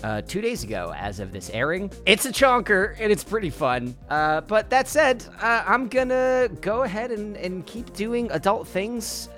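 A man's voice: high voice, sing-song, moderate pace, hardly any pauses, a bit bright, soft background music. A man hosting a podcast in loose, rambling chat, laughing often. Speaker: podcast host. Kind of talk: casual chat.

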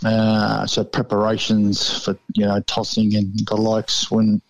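A man's voice: fairly low pitch, monotone, a little slow, gravelly, muffled recording. A slightly tired man with an Australian accent, chatting casually and in a laid-back way as a radio correspondent. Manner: laid-back, ends phrases with "eh". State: a little tired. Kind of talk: casual chat.

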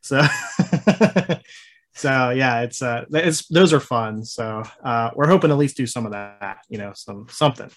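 A man talking casually as an interview guest, halting and rambling, with frequent chuckles. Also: medium pitch. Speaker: interview guest, maker of a horror host show.

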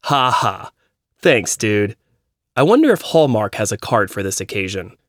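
A man voicing an excited young man casually sharing good news. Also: fairly low pitch, unhurried, no room sound, clean studio sound. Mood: amused. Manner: casual, eager, jokey.

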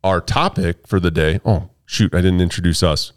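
A man's voice: deep voice, moderate pace. A man hosting a casual podcast in a studio, joking around and laughing often. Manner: playful and jokey, laughs often. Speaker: podcast host.

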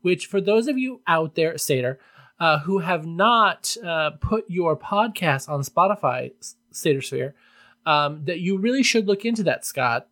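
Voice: mid-range voice, animated, unhurried, fairly bright tone. Campy podcast host just chatting away solo, tongue in cheek, mid-range voice. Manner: campy, tongue-in-cheek, addresses listeners as darlings. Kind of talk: casual solo podcast chat.

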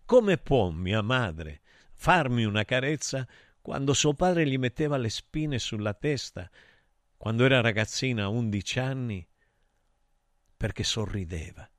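A man's voice: mid-range voice, animated, unhurried, dry recording, studio quality. A middle-aged man hosting a show, reading listener messages and telling them personal stories in an emotional, rambling way. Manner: emotional, digressive, addresses listeners directly. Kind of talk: intimate confessional monologue.

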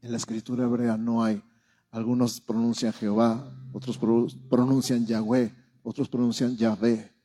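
A man's voice: medium pitch, little pitch movement, normal speed, warm tone, husky. A man preaching a Sunday sermon as pastor, explaining patiently and building into emphatic repetition during a church service.

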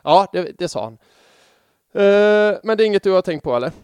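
A man's voice: high voice, animated, a little mellow, clear, resonant tone, dry recording. A man hosting a podcast in casual chat, rambling and poking fun at himself. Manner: chatty, rambling, self-mocking. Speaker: podcast host.

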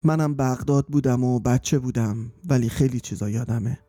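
A man's voice: medium pitch, mellow, dry recording, studio quality, close to an everyday voice. A man quoting a blunt, wry Iraqi woman. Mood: rueful. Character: frank, wry Iraqi woman around forty.

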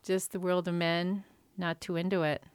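A woman co-hosting a podcast talks through films in a loose, chatty way and laughs easily. Her voice sits on the low side and sounds smooth and resonant, with a dry, close sound. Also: flat delivery, normal speed, dry recording. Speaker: podcast co-host. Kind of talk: casual film chat.

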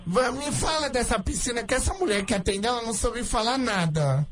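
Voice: mid-range voice, expressive, fairly quick, fairly bright tone, lightly acted. A radio host playing a snooty, patronizing lady on a prank call. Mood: condescending. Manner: patronizing, lecturing, calls the other woman "querida" and "meu amor". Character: snooty, condescending lady caller asking about a pool.

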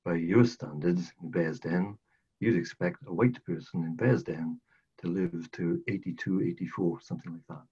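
This older man from South Wales speaks with a Welsh accent in a low-pitched, dark, slightly rough voice at normal speed. As a podcast guest in a casual storytelling interview, he earnestly traces his life, repeating phrases for emphasis, over dull lo-fi audio.

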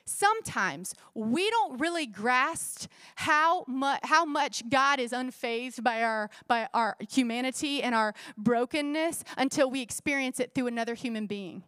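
A woman pastor with a high voice preaches a lively sermon, calling out to her congregation. She rises for encouragement and sinks low and hushed when she voices the enemy's lies. The sound is close and dry, with no room echo. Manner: lively preaching, rising for exhortations and dropping low to quote the enemy's whispers.

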